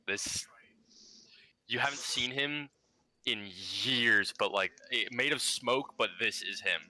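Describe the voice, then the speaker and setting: Bright-voiced man running a tabletop game. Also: mid-range voice, slow, low-quality recording. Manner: loose narration full of "like". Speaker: game master.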